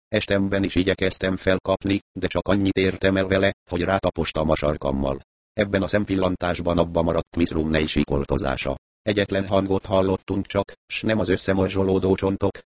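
A man reads a tense crime novel aloud in a measured, even narrating voice. His voice sits very low and deep. The recording is dry and close, with no room sound. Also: no echo. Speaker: audiobook narrator. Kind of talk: scripted narration.

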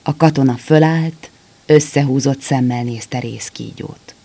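A man reading a story aloud as narrator in a measured, calm way. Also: medium pitch, vocal fry.

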